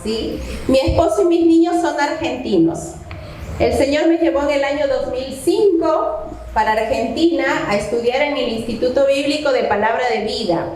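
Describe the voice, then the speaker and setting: High-voiced woman in an echoey hall. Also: moderate pace, a little mellow, a little hiss or hum. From Santo Domingo, Ecuador. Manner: addresses the audience directly with questions. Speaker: women's conference speaker. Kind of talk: Bible teaching and prayer. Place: church hall.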